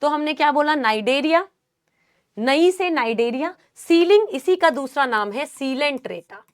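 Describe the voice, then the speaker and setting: A woman biology teacher, lecturing a class and drilling a memory trick through slow repetition. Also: high-pitched, animated. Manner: slow drilling repetition, addresses students as beta.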